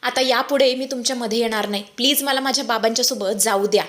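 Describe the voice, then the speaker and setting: A woman's voice: on the high side, quick pace, a bit bright, close to an everyday voice. Woman reading a stubborn young wife. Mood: pleading. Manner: pleading yet firm. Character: proud young wife determined to leave.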